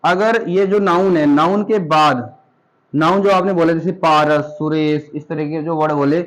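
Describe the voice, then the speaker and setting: A man's voice: on the high side, fairly even intonation, moderate pace, rough recording. Man teaching a classroom lesson. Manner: patient, addresses students as beta. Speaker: English teacher.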